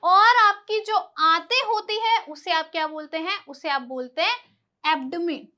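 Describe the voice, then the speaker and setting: A woman teacher with a very high, bright voice runs a vocabulary lesson. She patiently explains each word and stresses how it is pronounced. She drills her listeners by asking questions and answering them herself. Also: measured pace.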